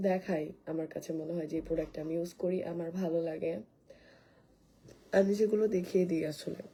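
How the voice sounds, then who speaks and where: A woman, hoarse from coughing, rambles casually through a live stream and answers viewer comments. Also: lowish voice, warm tone, rough recording. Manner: rambling, restarts a lot, reads commenters' names aloud. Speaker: live streamer selling skin care.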